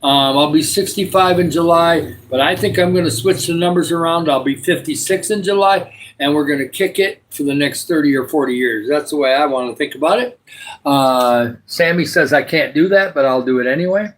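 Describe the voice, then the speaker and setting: With a voice that is a little high and a little fast, a man in his sixties meanders through a casual live-stream chat, talking with his viewers and offering prayers for them.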